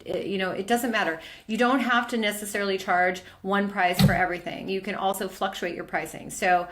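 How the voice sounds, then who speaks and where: A woman's voice: mid-range voice, a bit bright. A middle-aged woman teaching a permanent makeup training lesson, presenting her work over slides in an enthusiastic, chatty way with frequent fillers.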